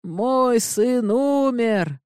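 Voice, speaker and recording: A woman's voice: sits low, animated, dark tone, dry recording, studio quality. Woman doing a frail, trembling old count. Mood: grieving. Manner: slow, halting, trembling speech. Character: frail old confused count, grieving father.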